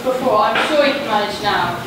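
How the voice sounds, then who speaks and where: A woman's voice: fairly high pitch, expressive, a little fast, close to an everyday voice. A woman playing a supportive young friend in a live stage pantomime. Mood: consoling. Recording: distant echoey stage, loud crowd and noise.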